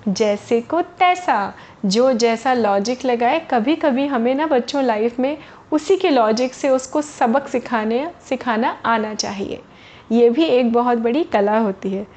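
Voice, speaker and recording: A woman's voice: a little high, a little slow, darkish tone. Woman telling a story to children. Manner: chatty, addresses listeners as kids. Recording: dull lo-fi recording.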